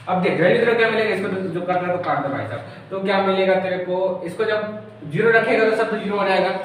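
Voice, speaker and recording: A man's voice: sits high, recorded from a distance. A male tutor giving an informal exam-prep lesson, chatty and familiar, asking and answering his own questions. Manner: calls the viewer brother, very familiar. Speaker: physics tutor. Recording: echoey room, faint room noise.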